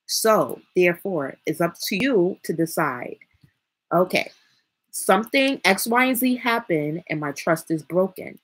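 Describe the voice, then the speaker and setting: Husky-voiced woman streamer with a lisp. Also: lowish voice, lively intonation, measured pace. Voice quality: slight lisp from braces. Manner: rambling, thinks aloud, uses fillers. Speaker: streamer giving advice. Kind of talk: casual live-stream talk.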